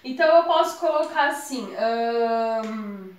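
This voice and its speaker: A Brazilian woman with a high voice walks viewers through exam grammar in a relaxed, chatty way. The room around her is echoey. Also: slow. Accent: Brazilian Portuguese. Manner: chatty, addresses viewers as gente. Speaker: exam prep tutor. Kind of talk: casual explanatory lesson.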